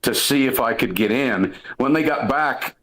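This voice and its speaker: A man's voice: mid-range voice, normal speed, fairly bright tone, poor audio. Middle-aged oklahoma guy, ex coach, chatting hoops, rambles and restarts a lot. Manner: rambling, storytelling, frequent restarts and "listen". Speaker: sports talk show co-host, former coach. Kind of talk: casual sports talk.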